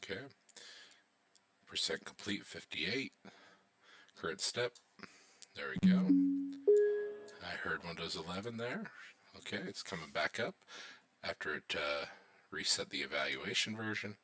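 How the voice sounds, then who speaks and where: Man, low bright voice, relaxed screen-recording tutor thinking aloud. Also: a little slow, long pauses. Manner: relaxed, thinking aloud while watching installs. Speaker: IT instructor.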